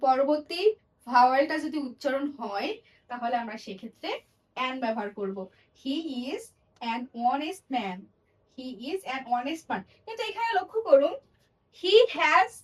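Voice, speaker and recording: A woman's voice: high voice, a bit bright, recorded from a distance, low-quality recording. A woman teaching English grammar in a lesson, explaining step by step and repeating example words and sentences.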